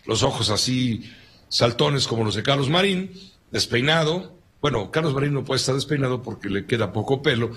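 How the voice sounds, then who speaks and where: A man's voice: fairly low pitch, fairly bright tone, slightly rough. A man with a Mexican accent hosting a radio news show, chatting casually, joking and reading out listener messages.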